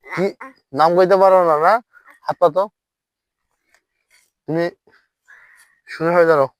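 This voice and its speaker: In a comedy skit, a man plays a strict, bossy dance teacher who scolds, threatens punishment and chants the dance counts. His fairly high voice stays steady and a little slow, and the recording is dry with lo-fi sound.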